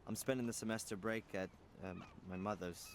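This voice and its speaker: A man's voice: on the low side, fairly even intonation, fairly quick, noisy background, lightly acted. A man playing a hesitant young student hero. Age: young adult. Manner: hesitant, full of uhs. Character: polite young male student protagonist. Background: game music.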